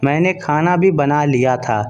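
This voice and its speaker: A man voicing a young wife who speaks calmly and firmly. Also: on the high side, measured pace, soft background music, lightly acted. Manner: calm, then firm. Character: calm, firm young wife.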